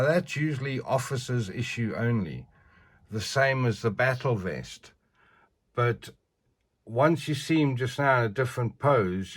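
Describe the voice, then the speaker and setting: An older man with missing teeth and slightly slurred consonants, giving a casual, chatty, rambling show-and-tell as a collector. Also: mid-range voice. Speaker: figure collector presenting a review.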